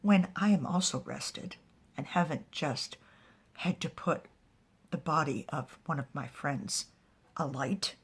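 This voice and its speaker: A woman doing a weary, husky male mage. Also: low voice, slow pace, pitched below the performer's own voice, exaggerated voice. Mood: firm. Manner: tired, insistent, quietly firm.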